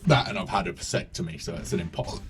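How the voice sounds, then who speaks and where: A man's voice: low voice, animated, quick pace, slight background noise. A man co-hosting a casual live stream, grumbling, swearing and laughing easily during a party game. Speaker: podcast co-host. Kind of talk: casual chat while playing a party game.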